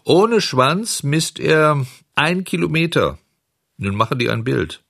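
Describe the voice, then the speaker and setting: A hoarse old dolphin, voiced by a man in a storybook reading, calm and resigned to his fate. He speaks in an unhurried, philosophical way, pitched above the reader's usual low voice. The recording is close and dry. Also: no room sound, heavily acted.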